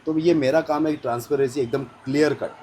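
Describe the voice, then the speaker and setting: Emphatic Indian farm owner. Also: male voice, a little high, fairly even intonation, brisk, darkish tone, slight background noise. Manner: emphatic, insistent, speaks in short clipped phrases. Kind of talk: casual interview on a farm. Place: outdoor goat farm.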